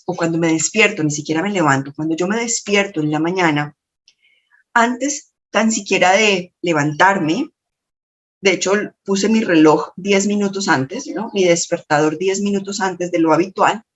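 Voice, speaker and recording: At a moderate pace, a slightly shrill-voiced woman who lectures and coaches tells expressive stories in a motivational lesson to camera, with much self-talk. The sound is lo-fi.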